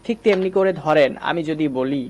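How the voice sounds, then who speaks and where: A man's voice: a little high, brisk, darkish tone, slight background noise. A man teaching English reading, patiently explaining and quizzing his viewers. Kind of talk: screen-recorded lesson.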